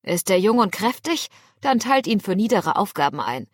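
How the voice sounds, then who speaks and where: A woman's voice: mid-range voice, big pitch swings, normal speed, no echo, clean studio sound. A woman doing a weary ship captain. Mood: weary, commanding. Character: weary male ship captain, gruff, commanding.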